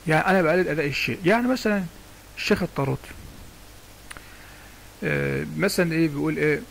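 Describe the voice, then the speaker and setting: A man's voice: fairly high pitch, racing, vocal fry, fairly bright tone, a little hiss or hum, poor audio. A man with an Egyptian Arabic accent giving a casual, chatty lesson on Quran recitation and often asking whether the listener follows him. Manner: chatty, digressive, often asks "understand me?". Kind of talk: casual spoken lesson with sung recitation examples.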